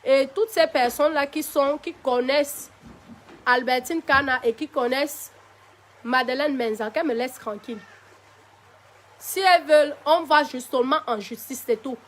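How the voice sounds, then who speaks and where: A high-pitched woman with a Cameroonian French accent, tired, her voice not yet back to full strength. She talks straight to her live-stream viewers, defiant, and calls them by pet names. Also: fairly bright tone. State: tired, voice still recovering. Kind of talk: casual live-stream monologue.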